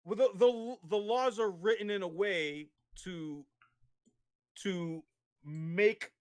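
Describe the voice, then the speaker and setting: A man's voice: sits high, slow pace, darkish tone, smooth. A man in a casual debate, explaining at length with many restarts and tag questions. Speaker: guest.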